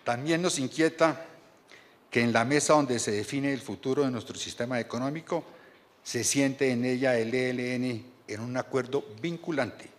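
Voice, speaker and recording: A man, reading a measured and earnest formal speech from notes at a podium microphone in a large banquet hall. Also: mid-range voice. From Colombia. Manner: measured and earnest, reads from paper with small restarts. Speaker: board chairman giving a speech. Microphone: podium microphone on a stand.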